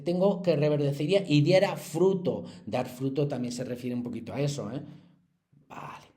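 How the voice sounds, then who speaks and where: A man teaching secondary school pupils, his voice sitting a little high for a man. He explains in an easy, chatty way, speaks straight to the class and slows right down to count syllables out loud. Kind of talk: recorded lesson walking through textbook exercises.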